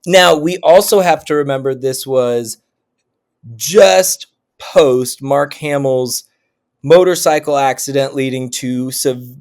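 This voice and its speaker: With a medium-pitched, darkish voice, a man from Oklahoma takes his time while guest-hosting a laid-back podcast. He's a rambling storyteller who restarts often and laughs a lot.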